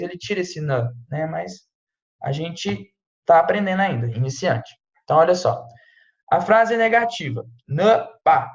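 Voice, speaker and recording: Here the French teacher's rather high voice comes through lo-fi audio in an echoey room. His online lesson stays informal and chatty, full of "tá?" and "né?" check-ins.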